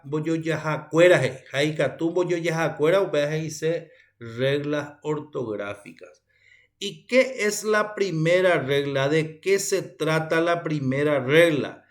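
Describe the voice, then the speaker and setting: Slow, methodical Paraguayan male teacher. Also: on the high side. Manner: methodical, repeats key terms, frequent "eh" fillers. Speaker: university language teacher. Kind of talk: recorded lecture.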